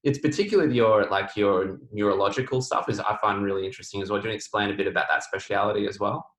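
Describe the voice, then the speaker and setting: Deep-voiced male host in an echoey room. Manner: enthusiastic, halting questions. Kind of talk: online Q&A interview.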